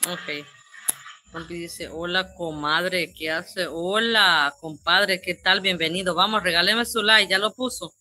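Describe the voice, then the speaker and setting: Slow, bright Salvadoran woman streaming live. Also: lowish voice, a little hiss or hum. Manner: reads each comment aloud, then answers it with pet names. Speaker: livestream host. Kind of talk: live stream, reading viewer comments aloud.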